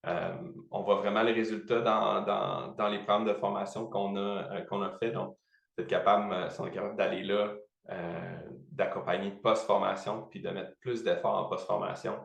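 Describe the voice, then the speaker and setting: A man with a Quebec French accent giving halting, conversational answers as an interview guest, in a roomy, echoing recording. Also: on the low side, flat delivery, gravelly. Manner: halting, repeats words while searching. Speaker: podcast guest, training professional.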